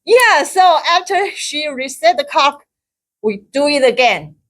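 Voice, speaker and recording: At a speaking club, a middle-aged Taiwanese woman shares a personal story in halting fashion, full of restarts and repeated words. She laughs frequently and her voice rises high and loud in moments of excitement.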